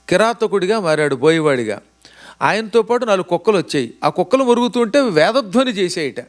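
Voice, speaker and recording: A man giving a religious discourse, telling sacred stories with animated dialogue and slowly chanted verses. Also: high-pitched. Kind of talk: storytelling sermon. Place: lecture venue in the US.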